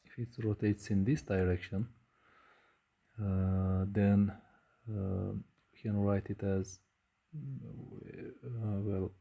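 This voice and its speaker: Slow, deep-toned man lecturing. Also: fairly even intonation, creaky, warm tone. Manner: slow, measured, frequent hesitations with uh. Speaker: physics lecturer. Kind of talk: whiteboard lecture.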